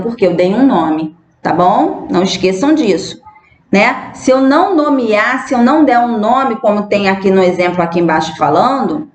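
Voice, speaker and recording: A woman speaking Brazilian Portuguese, a primary school teacher giving a recorded grammar lesson to children, patient and repeating words slowly with frequent tag questions. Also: a little high, roomy sound.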